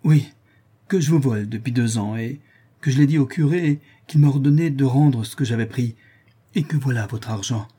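A man's voice: medium pitch, moderate pace, dark tone, slightly rough, lightly acted. A man voicing a young peasant maid who confesses and pleads through tears. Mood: tearful pleading.

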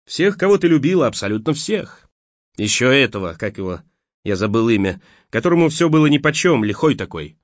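A sly dead young man taunts and mocks in a lively, wandering voice, as a man acts him out. His tone is cunning and cruel. The recording sounds dull and close. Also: mid-range voice, fairly quick, no echo, natural voice. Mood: mocking.

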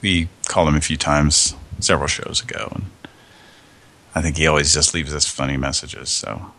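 A man hosting a casual radio show, hoarse with a scratchy throat, rambling and meandering as he talks. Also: a bass voice, steady tone, normal speed, sharp tone. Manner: rambling, meandering, chuckling often.

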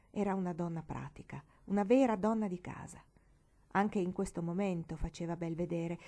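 Mellow-voiced woman reading a novel aloud. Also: fairly low pitch. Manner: measured, expressive storytelling. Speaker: reader. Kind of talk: scripted narration of a novel.

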